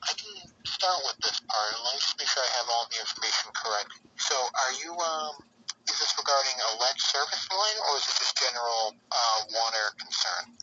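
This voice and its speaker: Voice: medium pitch, lively intonation, moderate pace. A phone operator at a utility, heard over a crackly old phone line, asking polite, procedural questions. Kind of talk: customer service phone call. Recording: muffled noisy phone line.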